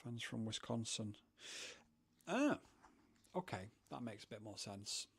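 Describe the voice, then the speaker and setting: Speaking to his chat from a home studio, this UK livestream host rambles in a chatty, self-deprecating way. He has a lowish, breathy voice with vocal fry, big pitch swings, and a slightly slow pace.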